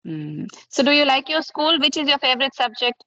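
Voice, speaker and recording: A sing-song, brisk woman's voice that sits high and sounds sharp comes through dull audio. She's a Karnataka native in her thirties whose first language is Kannada, patiently leading English conversation practice in an Indian accent and asking plenty of simple questions.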